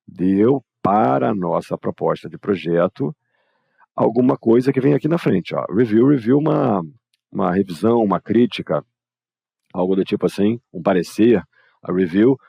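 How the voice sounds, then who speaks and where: A man's voice: lowish voice, moderate pace, creaky, slightly rough, no room sound, lo-fi sound. A man with a Brazilian Portuguese accent teaching English grammar in a live online lesson, explaining informally and talking straight to his students.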